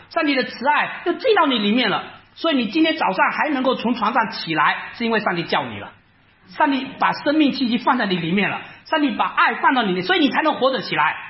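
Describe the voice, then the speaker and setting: A man preaching a sermon, animated, asking rhetorical questions and acting out his listeners' doubts. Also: extremely high pitch. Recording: echoey room, slightly dull sound.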